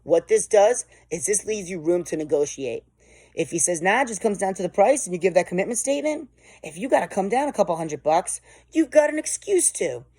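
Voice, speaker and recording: A woman's voice: on the low side, expressive, brisk, dark tone, no echo. A woman giving an emphatic, motivational sales coaching lesson. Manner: emphatic and motivational, pushes with intensity. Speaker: sales trainer. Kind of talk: instructional sales coaching talk.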